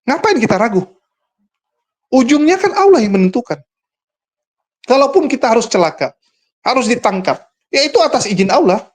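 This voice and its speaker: A man's voice: very high-pitched, sing-song, moderate pace, pauses often. A man who hosts the show and talks in a casual, argumentative monologue, scornful and full of rhetorical questions aimed at his viewers. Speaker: host and religious commentator.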